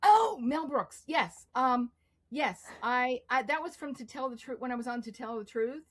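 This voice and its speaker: A woman's voice: fairly high pitch, normal speed. A middle-aged woman as an interview guest, telling stories in casual talk, acting out quotes and laughing often. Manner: animated storyteller, acts out quotes, laughs often. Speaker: guest artist.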